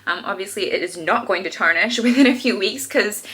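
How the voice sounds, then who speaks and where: A young vlogger chats casually to camera in her home kitchen, rambling with lots of "like"s and "um"s and giggling often. Her voice is mid-range and fairly bright, she speaks briskly, and the sound is roomy.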